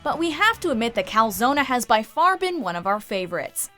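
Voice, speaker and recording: A woman's voice: fairly high pitch, very animated, brisk, bright, forceful tone, faint music behind. A woman reading scripted narration as the narrator of a countdown video.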